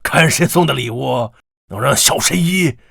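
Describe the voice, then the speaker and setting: A gravelly brash old man. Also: mid-range voice, animated, moderate pace, no echo, clean studio sound, heavily acted. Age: older. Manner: loud, blunt, swearing. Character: gruff old rich man, brash and excitable.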